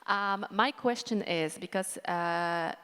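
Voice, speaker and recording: A woman from Poland, asking a question from the floor, friendly and giggly, in slightly halting English. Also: mid-range voice, pushed and bright, clear, resonant tone. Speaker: audience questioner. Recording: reverberant conference hall.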